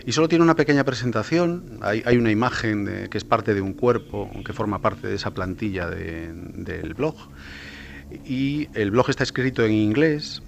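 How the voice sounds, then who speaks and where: Journalist guest, man, low gravelly voice, patient explainer. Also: normal speed, noisy background. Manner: explanatory, retells stories with many fillers. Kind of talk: radio talk discussion.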